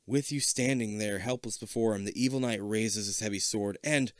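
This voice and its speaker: A man's voice: on the low side, moderate pace, dry recording, clean studio sound. Casual man reading a gamebook aloud. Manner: casual, with joking asides. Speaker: reader.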